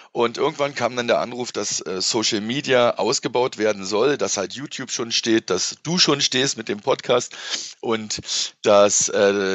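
This middle-aged interview guest, who presents and moderates events, rambles in an enthusiastic, colloquial manner. His lowish voice has a fairly bright tone, and the recording is dry and slightly dull.

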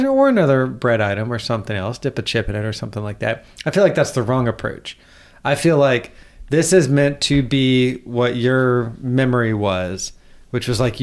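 A man co-hosting a podcast, chatting casually about food in a dry, sarcastic way. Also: mid-range voice. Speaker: podcast co-host. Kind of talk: casual food review chat.

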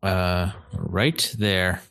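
Slow, halting male game master. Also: deep voice, fairly bright tone, clear, resonant tone. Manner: halting, many fillers, frequent laughs. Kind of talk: running a tabletop game.

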